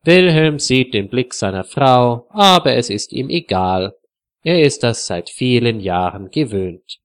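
Slow, measured male narrator. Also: medium pitch, expressive, no room sound. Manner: clear, measured. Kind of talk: slow narration for language learners.

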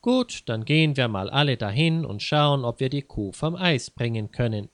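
A man's voice: mid-range voice, moderate pace, dry recording, close to an everyday voice. A man voicing a police officer who speaks politely but firmly. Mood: calm. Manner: calm, polite and firm.

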